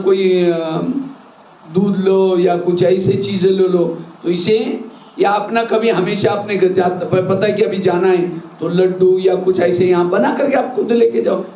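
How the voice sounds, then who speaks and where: A spiritual class hears a sermon from a man whose high voice has a slightly mellow quality. He illustrates rules with ordinary examples and poses rhetorical questions, and the recording has the echo of a hall plus faint noise.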